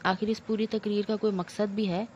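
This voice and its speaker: A woman voicing a composed young husband who speaks in a measured, reasoning way. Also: mid-range voice, level tone, darkish tone, dull audio, a little hiss or hum, close to an everyday voice. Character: composed young husband, patient and dry-humored.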